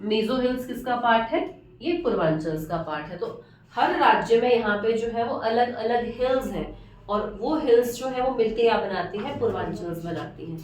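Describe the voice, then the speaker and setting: A woman's voice: fairly high pitch, animated, normal speed, a little mellow. Echoey distant woman teacher, mix. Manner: repeats key terms, asks and answers own questions. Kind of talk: classroom lecture at a board. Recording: echoey room from far off.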